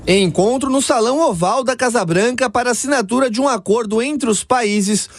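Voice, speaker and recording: A Brazilian man reporting the news, narrating a story and reading translated quotes in a measured way. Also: extremely high pitch, slight background noise.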